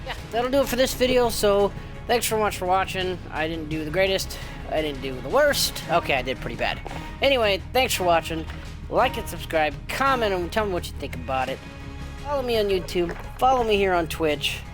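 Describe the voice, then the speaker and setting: A male streamer with a raspy voice chats casually over his gameplay. His pitch moves in lively swings as he rambles and pokes fun at himself. Game music and gunfire play behind him. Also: brisk. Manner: self-deprecating, rambling. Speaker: streamer and video host. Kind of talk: casual live gameplay commentary. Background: shooter game music and gunfire.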